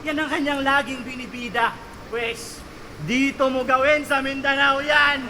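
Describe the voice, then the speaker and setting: A man delivering a battle rap verse in a high, bright voice. He taunts his opponent and hammers each punchline with a shout. Faint noise sits beneath the voice. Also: steady tone, measured pace. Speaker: battle rapper.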